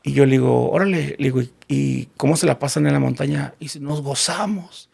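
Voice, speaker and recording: Man, guest storyteller in an interview, heavy vocal fry, plays out each quote in the story. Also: mid-range voice, fast talker. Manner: animated storyteller acting out quoted dialogue.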